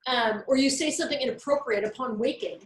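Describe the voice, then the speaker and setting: A woman co-hosting a casual faith discussion, telling stories in a candid, animated way. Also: a little high, quick pace. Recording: echoey room.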